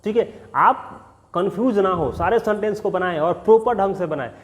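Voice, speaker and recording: A man gives a spoken English lesson, calling out example sentences slowly and stretching the English words. His voice sits fairly high, and he drops into friendly, encouraging asides to his students. A long reverb hangs after his words. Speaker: English teacher.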